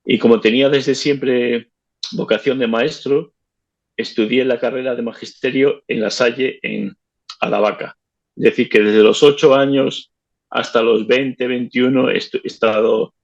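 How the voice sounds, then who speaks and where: A man's voice: medium pitch, steady tone, creaky. Interview guest: man, 50s, born in Cuba, hesitant and repetitive delivery, dull lo-fi sound. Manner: halting, repeats words while recalling. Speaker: interview guest, retired teacher. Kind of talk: casual interview.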